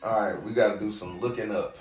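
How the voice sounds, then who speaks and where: A man's voice: lowish voice, fairly even intonation, fairly quick, distant mic. Brash Southern-twanged man lecturing, roomy echo. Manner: brash, lecturing, talks straight to viewers. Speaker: podcast host. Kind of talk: casual monologue. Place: indoors, hookah lounge. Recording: roomy, off-mic with music behind.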